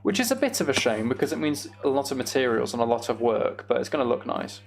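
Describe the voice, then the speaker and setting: In a very animated, creaky, mid-range voice, a live streamer talks fast while playing a game. He muses out loud and reads and replies to viewer comments, with a little hiss or hum audible in the recording.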